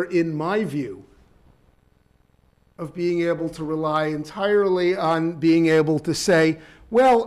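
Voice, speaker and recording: A man giving an academic law lecture in a measured, deliberate way, with frequent ums and uhs. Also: fairly high pitch. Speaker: law professor. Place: lecture hall.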